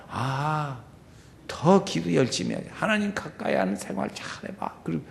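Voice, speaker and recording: A male pastor preaching a sermon, dropping to quiet murmurs and rising to shouted pleading as he acts out prayers. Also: on the high side, creaky, in a large hall.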